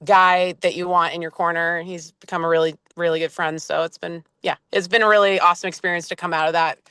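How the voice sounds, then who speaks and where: Freshly awake from a nap, this Boston-area musician talks quickly in a lowish, steady voice that's clear, resonant and a bit bright, with no room sound. As an interview guest from the band, she rambles casually, full of fillers and false starts.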